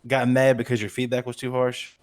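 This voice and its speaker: A man's voice: medium pitch, monotone, a little fast. A man in character as a fellow biker club member, talking casually, bluntly and profanely as he eggs the other man on.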